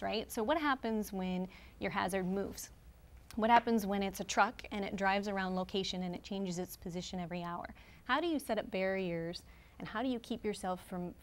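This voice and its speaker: A woman presenting to engineers in a webcast studio, explaining steadily and posing rhetorical questions. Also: medium pitch.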